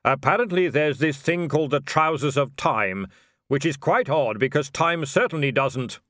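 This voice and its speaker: Slow, mild Death, as a male narrator puts him on. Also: on the high side, a bit bright, dry recording, studio quality, pitched above the performer's own voice, natural voice. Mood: calm. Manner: slow, measured, politely matter-of-fact. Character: tall dark robed Death, calm, slow, mild. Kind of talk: audiobook character voice.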